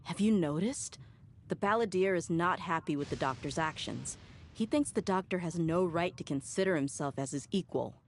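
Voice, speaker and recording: A thoughtful young female ally in a video game, voiced by a woman, with a slightly low voice and a measured, reassuring way of talking. There is a faint hiss behind her. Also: close to an everyday voice. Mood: calm.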